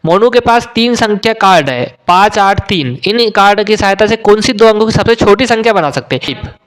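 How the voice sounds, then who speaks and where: A male teacher going through an exam paper question by question, explaining each answer step by step with frequent "uh" pauses. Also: high-pitched, animated, fairly bright tone, clean tone. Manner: explains step by step, often pausing with "uh". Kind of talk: exam solution walkthrough.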